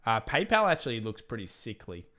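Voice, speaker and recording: On a live market analysis stream, an Australian trading channel host talks a little fast in a mid-range, sharp voice whose pitch swoops wildly. His casual, rambling chat includes reading viewer questions aloud, and hours of talking have worn his voice down.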